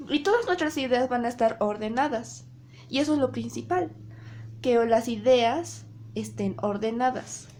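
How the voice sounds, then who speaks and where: A young woman giving a class presentation on public speaking, often pausing and correcting herself as she searches for words. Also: on the high side, lively intonation, darkish tone, slight background noise. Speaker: student presenter.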